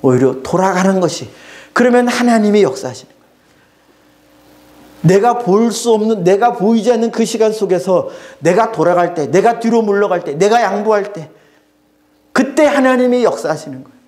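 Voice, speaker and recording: A man's voice: high voice, lively intonation, moderate pace, a little mellow. A male pastor preaching a Sunday sermon in an earnest way, sometimes acting out quoted voices with a sigh or a mocking tone.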